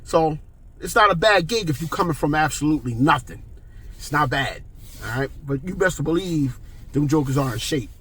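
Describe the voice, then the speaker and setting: Husky man with a high voice. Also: animated, moderate pace, fairly bright tone. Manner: talkative, emphatic, keeps checking in with "okay?". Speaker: vlogger. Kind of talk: casual monologue.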